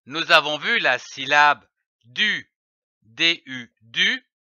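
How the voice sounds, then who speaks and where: A man teaching children to read, sounding out each syllable with very slow, deliberate care. His voice is bright and lively in pitch. The recording is dry and a little dull, like a lo-fi voice-over. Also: no room sound. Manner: spells out letters and syllables carefully. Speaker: reading teacher. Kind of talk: slow, deliberate phonics lesson.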